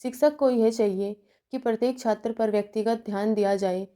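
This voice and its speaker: Female lecturer, methodical, list-by-list delivery; pitched a little high, dark and mellow in tone. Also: steady tone, fairly quick. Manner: methodical, enumerating numbered points with examples; checks in with "theek hai" between points. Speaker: teacher educator.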